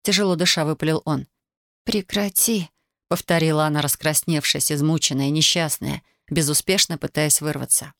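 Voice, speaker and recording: A woman reading novel narration aloud in a steady, even manner on a close studio mic. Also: low voice, fairly quick, few pauses, no echo. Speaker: audiobook reader. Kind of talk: scripted narration.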